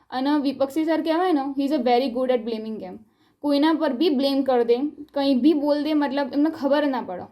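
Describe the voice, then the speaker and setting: Upset young woman, mellow higher voice. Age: young adult. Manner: earnest, upset recounting. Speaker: college student. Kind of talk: personal video statement. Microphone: self-recorded video.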